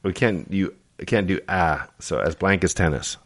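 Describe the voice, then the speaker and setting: Deep-voiced man in dry casual chat. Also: no echo. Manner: drawn-out musing, quick to laugh. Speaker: co-host.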